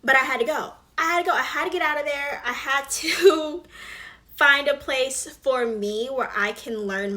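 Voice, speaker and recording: Doing her makeup, a woman in her 20s from Alabama chats through a casual get-ready-with-me video as a beauty vlogger. Her fairly high voice sounds pushed and bright, and she uses lots of fillers plus the odd whispered aside.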